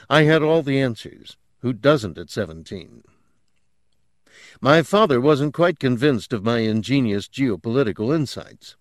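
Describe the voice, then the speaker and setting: A man reading an audiobook, voicing a self-assured middle-aged male professor who recounts his youth in a rueful, self-mocking way. His voice is at a middle pitch for a man. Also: no echo, studio quality, natural voice. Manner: self-mocking, confident retelling. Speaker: interviewee.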